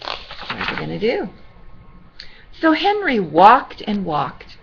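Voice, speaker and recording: A sweet, gentle older woman, a grandmother reading a children's storybook aloud with reassuring, chatty asides to a child. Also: mid-range voice, wildly swooping pitch, slow, gravelly, husky, highs cut off.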